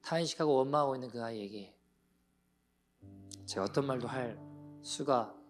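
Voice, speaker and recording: A pastor giving a Sunday sermon in a church, telling a story with feeling and dropping to soft near-whispers. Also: male voice, medium pitch, moderate pace, faint music behind. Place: church sanctuary.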